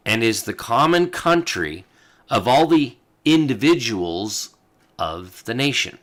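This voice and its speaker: Low-voiced man reading legal texts aloud. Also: a bit bright. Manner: talks as he reads, with fillers and asides. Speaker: host.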